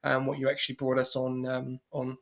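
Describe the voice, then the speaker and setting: A man, hosting an informal awards show in a halting, hesitant way. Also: medium pitch, monotone, vocal fry, a bit bright. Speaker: awards show host and race commentator. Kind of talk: casual online awards presenting.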